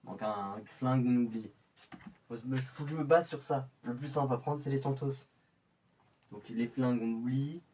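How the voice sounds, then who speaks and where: A man voices an undercover infiltrator, muttering his cover plans to himself in a pensive, thinking-aloud monologue that is scripted and in character. His medium-pitched voice moves at a normal speed with a dark tone and sounds close to everyday speech. He is far from the mic, with slight background noise.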